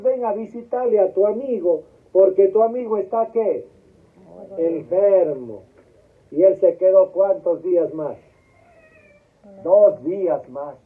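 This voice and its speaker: A man giving a memorial homily as a priest, putting questions to the congregation and waiting for them to answer. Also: high voice. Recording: tinny phone-like sound.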